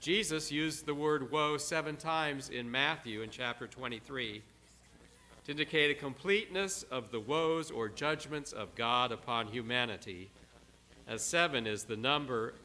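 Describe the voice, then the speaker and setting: Preacher, male, bright forceful tone, dramatic sermon delivery with emphatic repetition. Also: medium pitch. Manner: dramatic, repeats words for emphasis, slows on quiet phrases.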